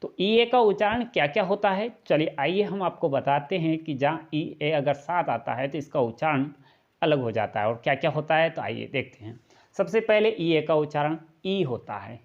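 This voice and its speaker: A man with a slightly high, animated voice teaches English pronunciation step by step in a classroom-style video lesson, speaking at a moderate pace with the highs cut off. He explains patiently, repeating each point and posing rhetorical questions.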